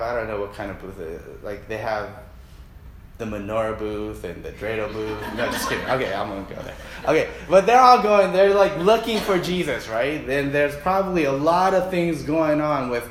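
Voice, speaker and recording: This mid-range male voice sounds roomy, with a little hiss or hum underneath. He delivers a casual, jokey sermon, bringing Bible figures to life by acting them out as he tells a story to his audience, all in an animated manner.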